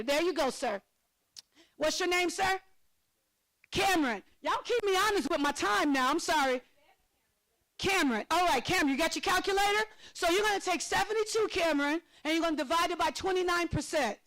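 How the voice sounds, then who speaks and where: A woman with a very high voice leads a financial literacy workshop. She is lively and excitable, laughs often and calls on audience members by name as she teaches. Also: low-quality recording.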